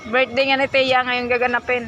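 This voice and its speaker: A woman's voice: fairly high pitch, level tone, a little fast, highs cut off. A woman vlogging casually while shopping at an outdoor market, chatting and bantering with the vendors. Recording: busy market crowd and traffic noise.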